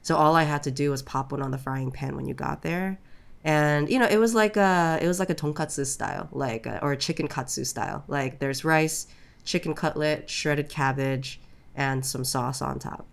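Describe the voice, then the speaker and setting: A young woman co-hosting a casual chat, telling stories in an animated way and getting loud when riled. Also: low voice, normal speed, gravelly. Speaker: podcast co-host.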